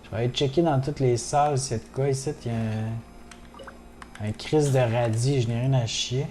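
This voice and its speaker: Québécois male streamer, mellow low voice, loose casual chatter peppered with curses, addresses chat directly. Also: steady tone, moderate pace, slight background noise. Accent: Québécois French. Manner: swears often, chatty, greets viewers in chat. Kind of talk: casual gaming livestream chat.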